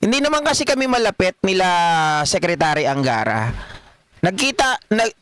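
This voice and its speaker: A man's voice: high voice, very animated, normal speed, a bit bright, no echo. A middle-aged Filipino man hosting a political livestream, reading viewer comments in a chatty way and laughing often. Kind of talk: casual live commentary reading chat.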